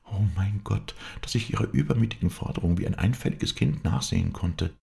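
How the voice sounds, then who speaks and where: A man reading aloud, raising his voice high to play a feverish, distraught noble lady who pleads insistently. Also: expressive, a little fast, creaky, warm tone. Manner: pleading, agitated falsetto lift.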